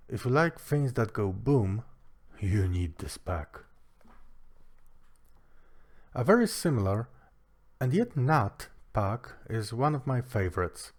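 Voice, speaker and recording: Man, product reviewer, slow deliberate delivery, lowish voice, dry joking asides.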